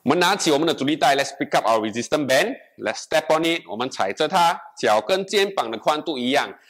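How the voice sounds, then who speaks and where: A young male fitness instructor with a fairly bright, expressive voice on the high side talks a little fast while leading a class in a bright indoor gym room with a treadmill. He switches between English and Mandarin line by line, demonstrating moves and counting reps as he gives bilingual exercise instruction.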